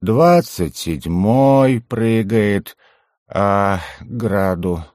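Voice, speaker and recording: A man's voice: medium pitch, very animated, brisk, a little mellow, husky, no echo, pitched above the performer's own voice. A man voicing a mischievous young male goblin jester with a cheeky, pestering manner, in a dry, close recording. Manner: cheeky, pestering, innocent-sounding.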